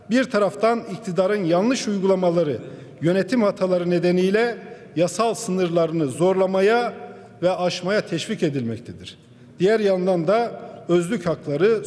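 Male parliamentarian at a podium mic, high voice, pointed formal oratory, long reverb of a big chamber. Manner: forceful, pointed rhetorical questions. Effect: speaking at a podium microphone. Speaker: member of parliament. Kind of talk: formal parliamentary budget speech. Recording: long reverb of a large hall.

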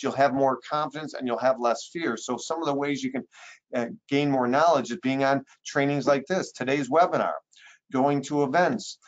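Emphatic male webinar trainer, muffled audio. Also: medium pitch. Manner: emphatic, repeats key phrases, coaching tone. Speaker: guest presenter, real estate trainer.

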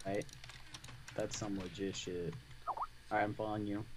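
A man playing a game alongside the host, chatting casually with relaxed, joking banter. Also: lowish voice, normal speed, a crowd in the background. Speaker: co-player. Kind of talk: casual gameplay chat.

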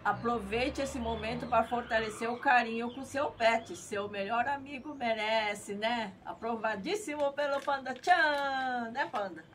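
A woman's voice: a little high, fairly even intonation, moderate pace, hardly any pauses. A middle-aged Brazilian woman hosting a pet product review vlog in a playful, cutesy manner, sprinkling in Japanese catchphrases. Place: small tiled outdoor patio or yard. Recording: clear background noise, outdoor ambience.

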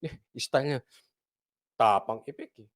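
A man's voice: mid-range voice, moderate pace. A man hosting casual political commentary, mocking and laughing often and repeating his points for emphasis.

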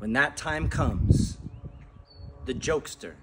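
A man in his thirties performing a spoken word poem outdoors in a backyard, dramatic, slowing and dropping to a hush on key lines, recorded by a phone camera at full-body distance. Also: medium pitch, expressive, very noisy.

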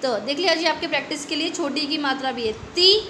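An Indian woman teaching a young children's Hindi class, drawing out each word slowly and asking the kids questions. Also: sits high, background noise. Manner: slow, drawn-out word stretching with quiz questions. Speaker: primary school Hindi teacher. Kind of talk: online class lesson. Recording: echoey room with faint ambience.

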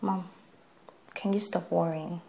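A woman's voice: fairly low pitch, fairly even intonation, takes it slowly, gravelly, dark tone. A young Nigerian wife who blogs and feels overworked. She sounds exasperated and defensive, with a faint hiss in the recording. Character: busy young married woman, blogger. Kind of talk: film acting.

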